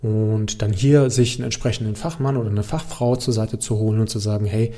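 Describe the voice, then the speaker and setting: Fielding audience questions, a male host who coaches pain and movement explains things informally and directly to the listener, sprinkling in little check-in tags. His lowish voice has a dark tone and fairly even intonation, and he speaks fairly quickly.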